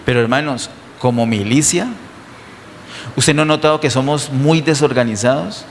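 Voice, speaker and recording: A man's voice: mid-range voice, normal speed, a little hiss or hum. Emphatic preacher man in a reverberant church. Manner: emphatic, asks the congregation rhetorical questions. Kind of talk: sermon. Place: church hall. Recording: distant sound with long hall reverb.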